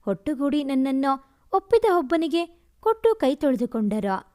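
A woman reading a romance story aloud as an expressive, emotional first-person narration. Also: high voice, normal speed.

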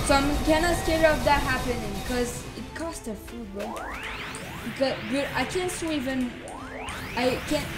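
A female gamer giving excited live gameplay commentary, repeating exclamations and casual slang like bro. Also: high-pitched. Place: voice-over on screen-recorded gameplay, game music behind.

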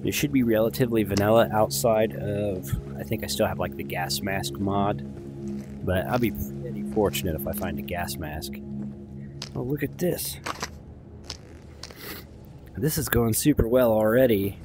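A man's voice: lowish voice, moderate pace, over music. A man giving casual, rambling gameplay commentary as a video host, chatty, informal and self-deprecating.

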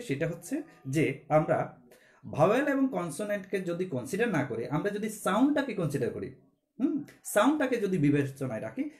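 A man's voice: a little high, darkish tone, reverberant. A man teaching English grammar to a class, explaining step by step and asking questions before answering them himself.

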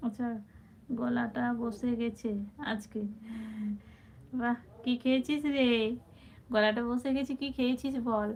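A woman's voice: on the high side, fairly even intonation, a little slow, vocal fry, pauses often, darkish tone. A woman hosting a casual live stream, chatting affectionately with viewers and reading out their comments. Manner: chatty, affectionate, calls viewers brother and sister. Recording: tinny phone-like sound with faint background noise.

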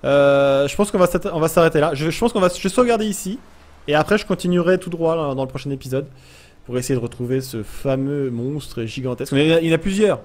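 A man's voice: a little high, expressive, fast, a little mellow. A gaming YouTuber commentating a let's play, jumpy and easily scared, yelping and talking to the creatures he meets. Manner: jumpy, frightened, talks to creatures, yelps.

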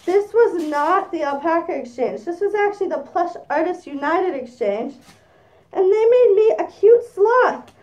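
A woman's voice: very high-pitched, lively intonation, measured pace, a little mellow, echoey room, distant mic, highs cut off. A woman chatting casually as she unboxes gifts while speaking through a costume head. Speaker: vlogger.

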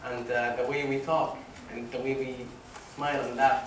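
A young man from Oman gives an animated motivational talk to a seated audience in a wood-panelled lecture room, laughing at his own stories. His mid-range voice moves at a moderate pace and is caught from a distance by a room mic as he walks the stage. The hall sounds echoey and far off, with a little hiss or hum.

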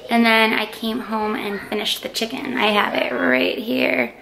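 A woman's voice: fairly high pitch, steady tone, measured pace, vocal fry. A woman in her twenties chatting casually as she meal-preps in her home kitchen, explaining each step with lots of fillers, filmed on a handheld camera. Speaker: vlogger. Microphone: handheld camera, sometimes close selfie framing, sometimes far. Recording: home recording with loud kitchen noise.

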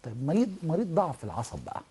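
Fast-talking Egyptian doctor explaining. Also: male voice, fairly high pitch, huge pitch swings, dark tone, breathy edge. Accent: Egyptian Arabic. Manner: fluent and explanatory, acts out examples. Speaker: ENT professor and guest doctor. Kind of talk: explanatory TV health talk.

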